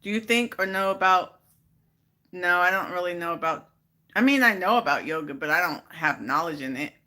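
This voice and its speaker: A woman's voice: fairly low pitch, moderate pace, bright, forceful tone. A woman hosting a casual live stream, chatting with viewers and growing exasperated as she repeats her questions. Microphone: phone.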